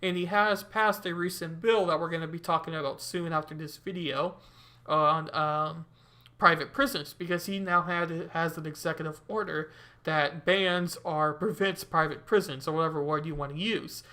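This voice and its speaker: Slightly high, loose-talking male host. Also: fairly even intonation, moderate pace, bright, forceful tone. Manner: rambling, loose, many fillers. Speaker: show host. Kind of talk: casual livestream commentary.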